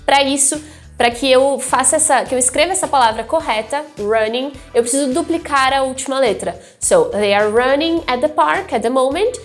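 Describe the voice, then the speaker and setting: High-voiced Brazilian woman teaching grammar. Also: moderate pace, faint music behind. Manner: patient, repeats key terms, frequent "ok?" checks. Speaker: English teacher. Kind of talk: explaining grammar rules.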